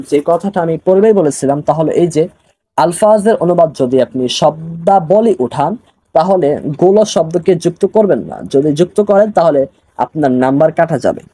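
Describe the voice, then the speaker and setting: Young bangladeshi guy teaching online, kinda high voice but mellow, goes word by word. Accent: Bangladeshi Bengali. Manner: slow word-by-word translation drills, repeating phrases. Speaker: religious studies teacher. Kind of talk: online classroom lesson.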